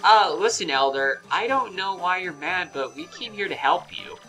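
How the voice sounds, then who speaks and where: A man voicing a meek, flustered young male creature in a high, protesting voice. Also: animated, normal speed, bright, forceful tone, faint music behind, low-quality recording.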